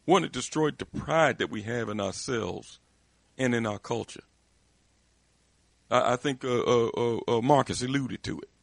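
Man, gravelly voice, dry recording, emphatic, impassioned discussion. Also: mid-range voice, moderate pace, no room sound. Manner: emphatic, repetitive restarts, rising intensity.

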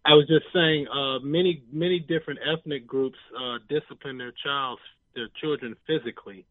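A man calling in to a radio talk show over the phone, speaking in a hesitant, measured way with many um and uh fillers. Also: mid-range voice, fairly even intonation, no room sound. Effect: calling in over a phone line. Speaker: radio call-in caller. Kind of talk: call-in discussion. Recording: tinny, dry phone line.

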